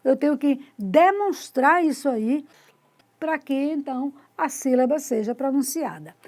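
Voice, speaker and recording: A woman's voice: high-pitched, animated, measured pace, darkish tone. A woman teaching a casual video lesson, explaining step by step with frequent tag questions as she points to examples on a board. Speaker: Portuguese teacher.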